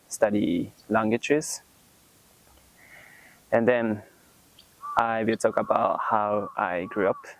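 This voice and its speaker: A Japanese-accented man in his twenties, a university student, answers interview questions in English, his second language. His lowish voice sounds hesitant, full of "like" and "um," and the rough recording has no room sound.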